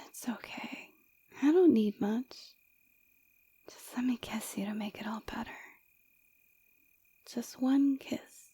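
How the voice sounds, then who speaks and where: The role is a seductive villainess in ASMR roleplay, cast as a woman who speaks close on mic in a soft, breathy, dark-toned way, coy and teasing throughout. Her voice runs on the high side, in a full character voice.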